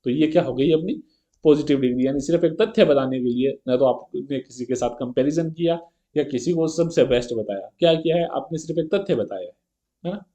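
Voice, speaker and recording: Male teacher, fairly high voice, mellow tone, patient step-by-step exam-prep lesson. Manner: explains step by step and keeps checking with a rhetorical "है ना"; reads English example sentences slowly and carefully. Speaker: grammar teacher.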